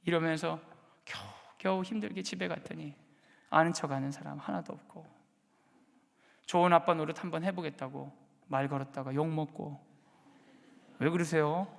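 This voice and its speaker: A man preaching a sermon at a Friday prayer meeting, moving from quiet stretches to shouted, acted-out scolding. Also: a little high, steady tone, moderate pace, gravelly, pauses often. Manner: dramatic, acts out scolding parents and shouts. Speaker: pastor. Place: large church sanctuary. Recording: long hall reverb.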